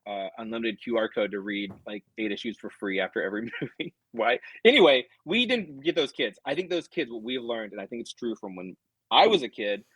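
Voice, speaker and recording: A man's voice: mid-range voice, lively intonation, fairly quick, fairly bright tone, breathy edge, no echo, poor audio. A middle-aged man, a comics writer guest, chatting casually and animatedly, drifting into tangents and acting out quoted customers. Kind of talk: casual chat.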